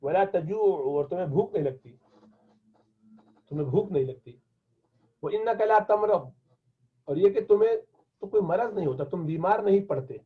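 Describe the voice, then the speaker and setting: A male Arabic teacher giving a classroom lesson, reading each Arabic phrase slowly and then translating and explaining it at length. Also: sits high, animated, husky. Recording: tinny phone-like lo-fi sound.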